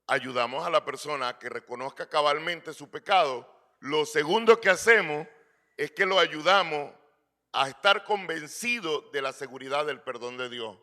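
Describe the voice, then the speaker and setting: A man's voice: fairly high pitch, pushed and bright. A middle-aged man preaching a sermon in earnest, asking rhetorical questions and calling his listeners brother. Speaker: pastor.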